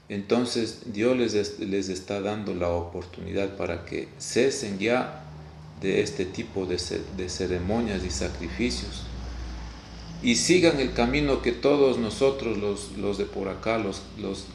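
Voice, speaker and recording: A low, gravelly-voiced Ecuadorian man preaching a video sermon. He speaks haltingly, restarting phrases and repeating his words. His voice rings in an echoey room over a faint hiss of noise. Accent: Ecuadorian Spanish. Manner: halting, repeats words, frequent "Gloria a Dios".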